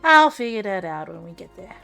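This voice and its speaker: A woman's voice: medium pitch, sing-song, a little fast, vocal fry, bright, forceful tone, soft background music. A woman streaming from home, chatting casually and rambling to her chat while fixing her setup, close to a desk mic.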